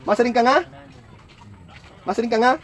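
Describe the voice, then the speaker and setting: A man's voice: very high voice, level tone, fairly quick, fairly bright tone. A man tutoring a child at home, patiently coaxing answers with lots of questions. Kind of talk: home lesson, quizzing a child.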